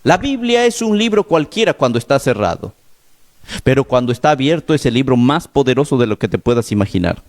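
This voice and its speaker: A man's voice: medium pitch, very animated, fairly quick. A male pastor preaching a sermon, telling a story in an urgent, emphatic way, with a slightly sore throat.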